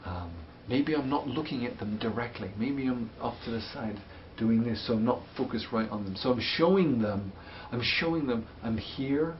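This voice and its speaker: Man coaching parents in a webinar, gentle and patient, slightly muffled audio, faint hiss. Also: medium pitch, expressive, moderate pace, few pauses. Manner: gentle, patient, explains with hands-on demonstrations. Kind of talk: webinar teaching and answering parent questions.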